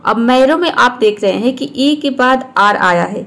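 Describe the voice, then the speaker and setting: A woman teacher explaining words and repeating each one slowly. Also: fairly high pitch, animated, a bit bright. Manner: slow, repeats each word to show how it is said. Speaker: English teacher. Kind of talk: explaining lesson.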